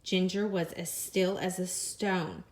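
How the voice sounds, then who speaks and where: In this read-aloud, a teacher with a lowish voice presents a picture book to her students expressively. She slows down whenever a phrase repeats and pitches up for what the characters say.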